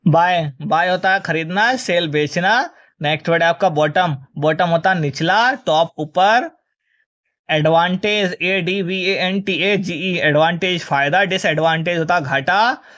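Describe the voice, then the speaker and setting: High-voiced male teacher drilling vocabulary. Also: unhurried, a bit bright, lo-fi sound. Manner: spells each word letter by letter, then gives its meaning and opposite; addresses students as children. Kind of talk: vocabulary lesson for exam students.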